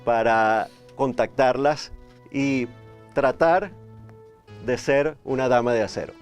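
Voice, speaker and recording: A man's voice: medium pitch, slow pace, clean tone, faint music behind. A man hosting a talk show, asking questions and giving short acknowledgements. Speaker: host.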